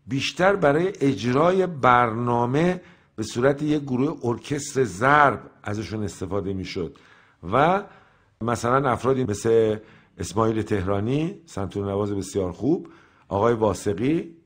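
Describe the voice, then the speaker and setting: An older male music teacher lectures on rhythm, stopping often to count beats aloud and sound out the rhythmic syllables. His voice sits at a medium pitch, and his delivery is steady and explanatory.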